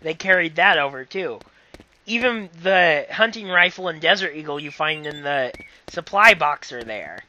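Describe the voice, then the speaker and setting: A man's voice: on the high side, animated, normal speed, bright, forceful tone, dull audio. A man giving casual, rambling commentary over a game playthrough, apologetic and given to corny jokes. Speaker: gameplay commentator.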